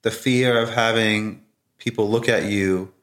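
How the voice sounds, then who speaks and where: A man answers as a guest in a conversation. His voice is a little on the low side. He talks casually and reflectively. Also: fairly even intonation, a little slow, fairly bright tone. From Brooklyn, New York. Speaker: interview guest, entrepreneur.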